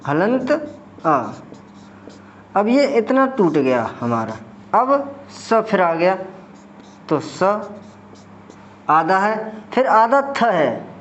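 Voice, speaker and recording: A man with a high voice teaches a grammar lesson at an unhurried pace. He walks through each step slowly and poses questions to the viewer before answering them himself. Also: highs cut off, a little hiss or hum. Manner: slow, step-by-step explaining, asks and answers own questions. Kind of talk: exam-prep grammar lesson.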